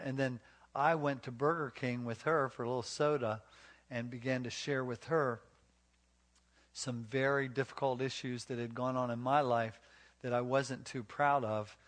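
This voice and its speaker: A man preaching on marriage to a live congregation. He tells folksy stories full of restarts and asks the crowd questions. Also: medium pitch. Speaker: pastor.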